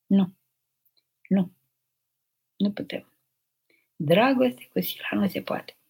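An older woman with a husky, breathy voice speaks in a gentle and motherly way. She answers viewers' questions slowly, as an abbess giving counsel live. Her pitch sits in a middle register. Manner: gentle, motherly, unhurried, addresses listeners tenderly. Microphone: live stream microphone.

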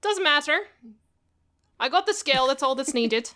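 Defiant fifteen-year-old girl pirate, female player, tabletop game: high, sharp, curt, annoyed. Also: lively intonation, normal speed. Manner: curt, indignant. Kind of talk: tabletop role-play.

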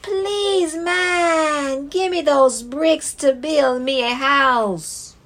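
A woman voicing a small little pig in a storybook, with a high, squeaky, pleading voice. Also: extremely slow, a bit bright, heavily acted.

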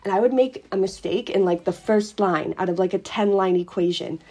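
Young woman, casual phone voice memo, rambling chatter with lots of fillers, mid-pitched everyday voice. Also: fairly quick, darkish tone, breathy edge. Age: young adult. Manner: chatty, rambling, full of "like" and self-corrections. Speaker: sister-in-law sending a birthday voice recording. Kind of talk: casual recorded voice message. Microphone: phone voice recording.

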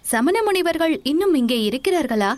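A woman's voice: sits high, lively intonation, normal speed, voice pushed up. A woman voicing a curious, teasing young male traveler in a storybook reading, asking questions in a mocking, wide-eyed way. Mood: anxious. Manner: mocking, inquisitive.

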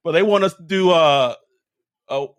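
A man's voice: on the high side, moderate pace, dry recording. A man hosting a sports podcast in casual, slangy fan banter, swearing freely and repeating phrases for emphasis.

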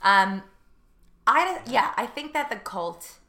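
A woman co-hosting a casual chat about a TV show. She talks in quick, chatty bursts full of fillers. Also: a little high, animated, bright, forceful tone. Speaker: podcast co-host.

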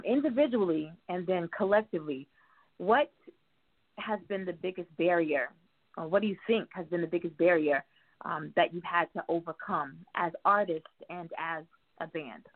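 Laughing frequently, a woman with a lowish, animated voice asks questions at a normal speed in a relaxed interview conducted over a call. Her manner is playful and talkative, and the sound is thin and phone-like.

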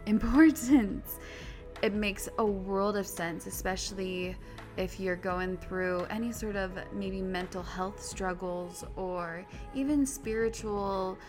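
Female podcast host, standard American accent, chatty and self-deprecating, mid-pitched voice, music behind. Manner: giggly, self-deprecating asides. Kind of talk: casual, chatty scripted-free podcast introduction.

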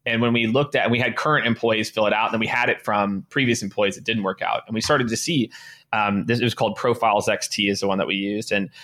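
A sales leader in his late thirties, appearing as an interview guest, speaks fast in a fairly low, steady voice with a fairly bright tone. He's casual and upbeat, leaning heavily on "you know" and restarting sentences often.

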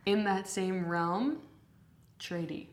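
A young woman co-hosting a podcast in relaxed casual chat, explaining slang. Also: medium pitch, slow, roomy sound. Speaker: podcast co-host.

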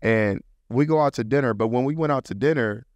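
With a brisk pace and medium pitch, a male podcast host delivers a laid-back pep talk over dull-sounding audio without echo. He preaches, repeats himself, leans on slang, and occasionally performs quotes in character.

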